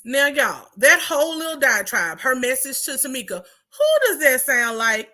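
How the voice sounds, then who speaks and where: A woman's voice: sits high, big pitch swings, normal speed, sharp tone. A woman hosting a commentary channel, chatting sassily and talking straight to her viewers. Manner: sassy, chatty, addresses viewers directly. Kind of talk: casual commentary.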